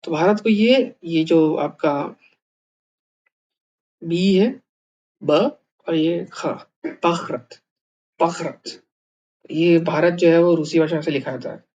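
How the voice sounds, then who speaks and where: A man's voice: on the high side, takes it slowly, long pauses, a little mellow. Male teacher from India, patient step-by-step lesson, muffled dull audio. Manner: thinking aloud with many fillers and restarts. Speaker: language teacher. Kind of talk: explaining a writing lesson.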